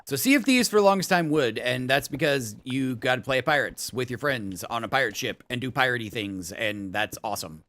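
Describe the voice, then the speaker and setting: With a mid-range voice, a man live-streams a game and keeps up casual chatter, reading chat and thanking viewers for follows and subs. He talks briskly with hardly any pauses and bursts into excited laughter.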